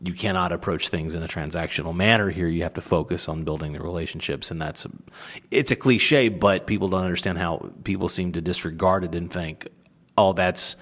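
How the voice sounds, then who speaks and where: A man's voice: sits low, a bit bright. A man hosting an interview, chatting casually and affirming his guest often. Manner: agreeable, frequent short affirmations. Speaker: podcast host.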